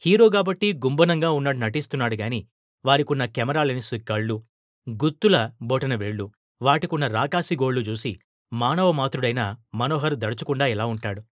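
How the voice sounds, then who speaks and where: Male storyteller, mid-pitched, steady expressive reading, dry close sound. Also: a little fast, no room sound. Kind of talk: scripted narration.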